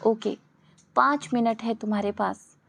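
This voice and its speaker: A woman playing a sneering young rich man, cold and sarcastic, slightly high voice, audio story. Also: fairly even intonation, unhurried, gravelly, a bit bright, husky, exaggerated voice. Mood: scornful. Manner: cool, sarcastic and dismissive.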